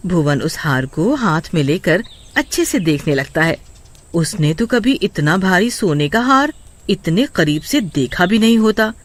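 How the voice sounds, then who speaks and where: A woman's voice: fairly low pitch, very animated, unhurried. A woman narrating a cartoon children's story in a scripted, storytelling manner.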